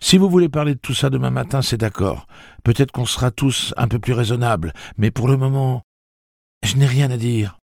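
A defiant teenage boy, curt and worn out, pushed well up in pitch from a deep, gravelly reading voice, as a man puts him on. He stretches his words out in slow, emphatic bursts. The recording is close and dry. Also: a little mellow, no room sound, natural voice. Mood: weary.

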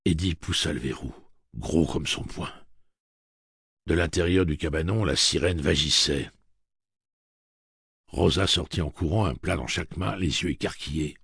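A man reading a novel aloud as an audiobook narrator, steady and dramatic. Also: very deep voice, moderate pace, vocal fry, pauses often, husky, no echo, studio quality. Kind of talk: scripted narration.

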